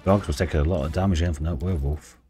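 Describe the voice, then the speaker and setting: Very deep-voiced man, dark and mellow. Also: fairly even intonation, racing. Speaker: video game player narrating a playthrough. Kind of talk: reading game dialogue aloud and casual play commentary. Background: game music.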